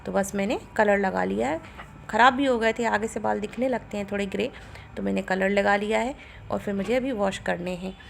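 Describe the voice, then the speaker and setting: A woman in her forties with a Bundelkhandi Hindi accent, talking through her day in a chatty, homely way for a daily vlog. Her voice has a gravelly edge at a middle pitch. It is recorded on a phone in a home kitchen with faint household sounds behind her. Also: moderate pace, slight background noise. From India. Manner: chatty, homely, retells family talk. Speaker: vlogger. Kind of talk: casual daily vlog narration.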